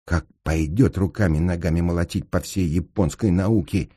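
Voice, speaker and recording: A male reader voicing a cocky young street kid, excited and boisterous, in an audiobook. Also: sits low, normal speed, slightly rough. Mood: gleeful.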